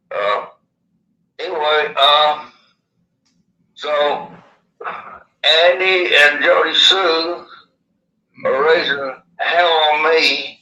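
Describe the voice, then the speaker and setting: A man's voice: a little high, pushed and bright, roomy sound, rough recording. A man with a lisp and slushy s sounds from missing upper teeth, telling a first-hand story in a casual, folksy, rambling way. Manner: folksy, plain-spoken, rambling. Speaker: interviewee.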